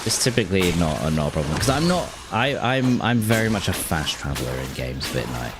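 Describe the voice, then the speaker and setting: A man's voice: deep voice, big pitch swings, brisk, over loud music. A man chatting casually while streaming a game, rambling and restarting his sentences. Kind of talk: casual gameplay chat with chat.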